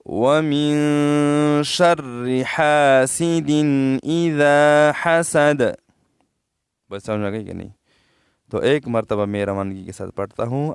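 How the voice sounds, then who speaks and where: Man, Pakistani Urdu accent, Quran recitation teacher, resonant clear voice, explanatory lesson. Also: darkish tone, no room sound, clean studio sound. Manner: patient, checks understanding, drops low at phrase ends; slow melodic recitation in the passages he reads out.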